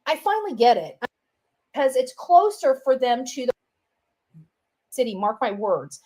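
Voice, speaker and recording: A woman with a high-sitting, sing-song voice and a dark tone speaks unhurriedly in a casual, opinionated monologue. She rambles and repeats herself, leaning often on filler phrases like "you know" and "right."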